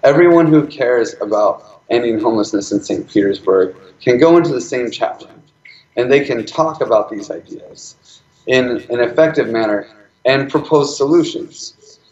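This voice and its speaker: A man at a live event, talking quickly and often restarting his sentences. His voice has a middle pitch and carries the echo of a roomy hall. The sound is slightly dull. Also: expressive, a little mellow. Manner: fast, with many fillers and restarts. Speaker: speaker presenting his nonprofit project. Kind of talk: live presentation talk.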